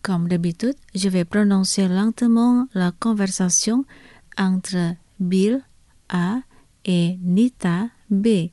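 A woman leads a vocabulary and dialogue lesson at a very slow, careful pace, repeating every phrase twice so listeners can follow. Her voice is dark and mellow. The recording is dry and close, with no room sound. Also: medium pitch, no room sound. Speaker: language teacher.

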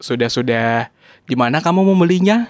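The lesson narrator voicing a kind young man who gently comforts a crying child in a scripted dialogue. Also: mid-range voice, expressive, moderate pace, no room sound, clean studio sound, close to an everyday voice. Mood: soothing. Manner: gentle, soothing, reassuring.

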